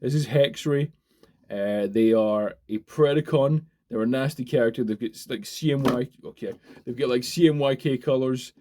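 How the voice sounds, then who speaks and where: A man, chatting casually and excitedly while unboxing and reviewing a toy, swearing freely as he rambles. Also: medium pitch, moderate pace. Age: 20s. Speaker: toy reviewer, channel host.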